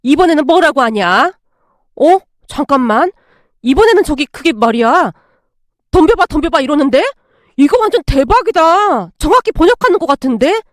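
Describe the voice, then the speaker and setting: A woman voicing a playful, teasing sister-in-law who excitedly reads out a dog translator, in a story read aloud. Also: high-pitched, normal speed, no echo, studio quality. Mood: amused excited. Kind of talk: storytelling with acted dialogue.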